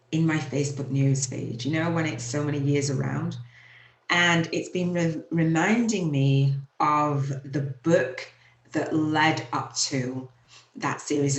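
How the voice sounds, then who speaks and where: In a low voice at a measured pace, a Leeds woman hosting her show sincerely recounts her personal story, her Yorkshire accent clear. She laughs here and there during the emotional stretches, recorded in an echoey space in England.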